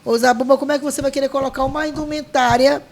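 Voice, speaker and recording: High-voiced woman. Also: steady tone, racing, creaky, darkish tone. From Maranhão, Brazil. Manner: heartfelt, full of restarts and quoted dialogue. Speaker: guest, leader of a folk dance group. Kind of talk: emotional storytelling.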